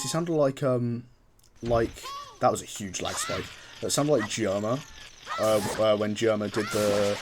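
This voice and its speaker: A man with a low, gravelly voice talks his way through a game stream in a loose, rambling manner, often breaking off mid-thought. Steady music plays behind his commentary. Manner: rambling, chatty, self-interrupting. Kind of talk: casual gameplay commentary. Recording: background music under voice.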